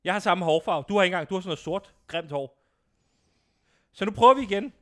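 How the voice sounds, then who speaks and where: A young man hosts a comedic radio show, loud, brash and full of himself. His voice sits high for a man, and he swaggers through the banter. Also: animated. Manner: loud, boisterous, self-important. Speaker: radio host. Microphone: studio microphone.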